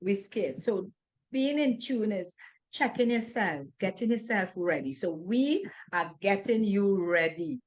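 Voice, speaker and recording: A woman's voice: mid-range voice, expressive, a little slow. A middle-aged woman co-hosting a talk show, speaking earnestly, repeating words and acting out quoted worries. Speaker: co-host. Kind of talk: casual talk-show chat.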